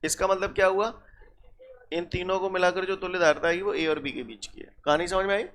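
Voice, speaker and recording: A man's voice: high-pitched, steady tone, brisk, a bit bright, slight background noise. A man teaching a physics class, often checking his students as he works through problems. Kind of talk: classroom lecture.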